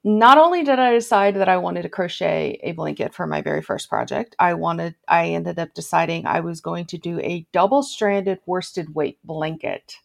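A woman in her thirties talks through her story in a relaxed podcast chat, her voice sitting a little low with plenty of vocal fry. She tells it with energy, slipping into little impressions of the people she quotes. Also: normal speed, hardly any pauses. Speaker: podcast guest, crochet tech editor.

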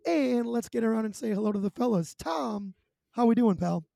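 High, gravelly-voiced male podcast host. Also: animated, normal speed, warm tone, no echo. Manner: chatty, rambling, self-deprecating. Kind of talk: casual podcast chat.

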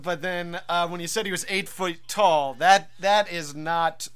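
A man chats casually as a podcast co-host. His voice is very bright and somewhat high, with a wry, joking manner. The sound is dry, without room echo. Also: fairly even intonation, unhurried, clear, resonant tone. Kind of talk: casual comedic chat.

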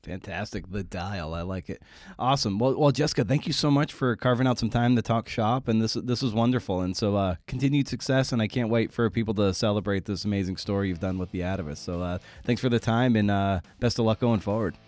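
A man hosts a podcast and interviews guests in a casual, conversational style, informal, wry and self-deprecating. His voice is on the low side, fairly quick and darkish, captured in a dry recording with clean studio sound.

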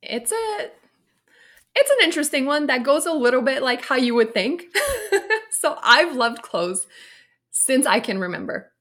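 A woman's voice: sits high, lively intonation, measured pace, long pauses, a bit bright. A woman in her late thirties from Romania, a personal stylist speaking as a podcast guest, telling her story in an open, reflective way. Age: 30s. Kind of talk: casual interview chat.

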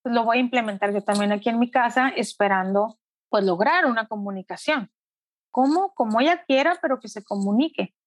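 A middle-aged woman and mother telling her story in an earnest, reflective way, often slowing down. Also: fairly high pitch, no echo. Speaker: interviewee, mother. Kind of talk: emotional personal testimony.

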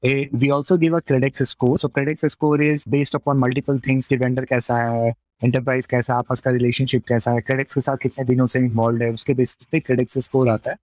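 A man's voice: medium pitch, flat delivery, very fast, few pauses, darkish tone, no echo, low-quality recording. A man with a North Indian accent explaining conversationally in an interview, switching between two languages and often checking in with a tag question. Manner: often tags statements with a questioning "right?". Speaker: fintech company representative being interviewed. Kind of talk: conversational product explanation, mixing English and Hindi.

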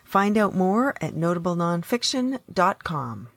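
A woman host reading the scripted closing of her podcast in a brisk, upbeat way. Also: lowish voice, big pitch swings, no echo. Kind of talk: scripted outro read.

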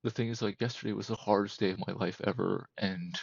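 A man in his thirties, a podcast guest, talking candidly and emotionally in a halting, repetitive way that keeps circling back. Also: on the low side, fairly even intonation, gravelly, slightly rough, no room sound, highs cut off. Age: 30s. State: emotional, close to breaking. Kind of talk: candid personal conversation.

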